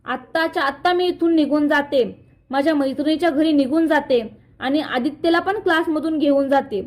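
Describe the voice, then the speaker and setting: A woman's voice: high voice, moderate pace, natural voice. A woman voicing an angry, scheming young woman in a retold serial, hurling accusations.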